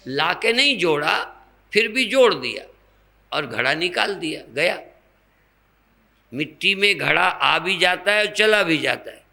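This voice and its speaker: An older man, a swami, giving a slow spiritual sermon, teaching through rhetorical questions and everyday examples in a gravelly voice. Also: on the high side, sharp tone.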